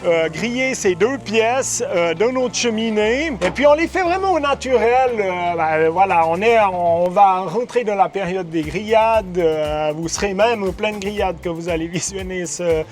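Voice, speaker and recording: A man with a Swiss French accent, casually presenting a food show as host, with a hesitant, halting delivery. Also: high voice, lively intonation.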